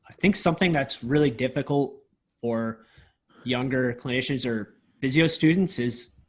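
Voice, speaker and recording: A man's voice: medium pitch, moderate pace. Casual man co-hosting a podcast. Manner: loose, filler-heavy questions. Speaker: podcast co-host. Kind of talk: casual conversation.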